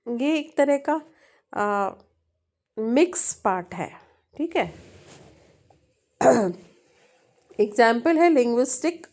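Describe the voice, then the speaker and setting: A woman with an Indian accent teaching a linguistics tutorial, switching between Hindi and English, reading definitions slowly and often checking in with her students. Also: on the high side, a little mellow. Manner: frequent checking tag questions. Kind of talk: explaining at a board in mixed Hindi and English.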